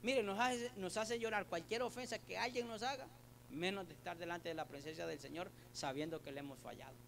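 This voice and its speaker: A high-pitched man delivers a sermon in an earnest, conversational way. He calls the listener brother, repeats words while he gropes for the phrasing, and reads Bible passages aloud. A faint hum runs under the recording. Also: fairly quick, vocal fry, a bit bright. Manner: addresses listener as brother, asks rhetorical questions. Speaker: preacher.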